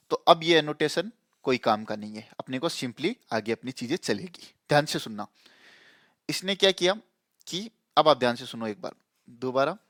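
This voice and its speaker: A man teaches a coding lesson in a relaxed, conversational way. His voice sits a little high and the recording is dry and close. He repeats key ideas and often asks if the listener understands. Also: no room sound. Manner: explains with repetition and frequent checks on the listener. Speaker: programming tutor. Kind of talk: casual explanatory lesson.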